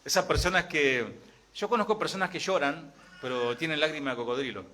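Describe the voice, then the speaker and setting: Middle-aged Argentine male pastor, bright, slightly high voice, conversational sermon with frequent rhetorical questions. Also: brisk. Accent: Argentine Spanish.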